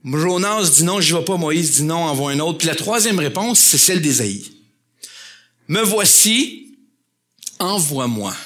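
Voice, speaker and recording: A man with a Québécois accent delivers a sermon as pastor, acting out quotes and repeating key words for emphasis. His voice sits high and bright. It swoops widely in pitch as he preaches. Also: moderate pace, hardly any pauses. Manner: animated preaching with acted quotes and emphatic repetition.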